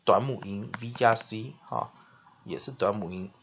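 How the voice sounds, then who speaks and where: A male teacher explaining English spelling, spelling words out letter by letter and repeating them slowly. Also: lowish voice. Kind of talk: classroom-style lesson explanation. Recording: dull lo-fi recording with faint noise.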